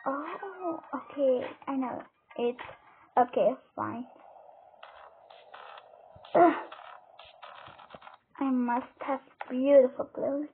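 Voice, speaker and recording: A woman's voice: high-pitched, extremely slow, pauses often. A woman playing a role-play game and talking through it, hesitant, with many fillers and exclamations. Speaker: game player. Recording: tinny phone-like audio with faint noise.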